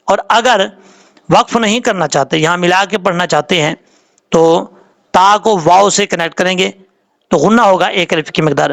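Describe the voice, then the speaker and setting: A man's voice: high voice, gravelly, fairly bright tone. A man teaching Quran recitation rules, spelling out letters and vowel marks one syllable at a time and drawing out the recited examples, in a patient, explanatory manner.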